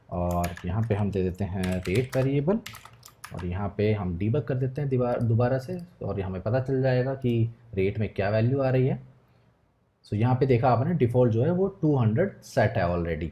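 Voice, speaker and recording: In a screen-recorded coding tutorial, a man patiently explains things step by step and frequently checks in with viewers. His mid-range voice has a dark tone, and there's a little hiss or hum on the recording.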